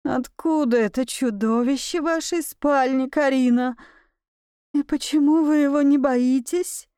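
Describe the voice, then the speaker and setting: A woman voicing a timid, cowardly male tutor who squeaks and whimpers in panic. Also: takes it slowly, mellow, no room sound, studio quality. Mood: frightened.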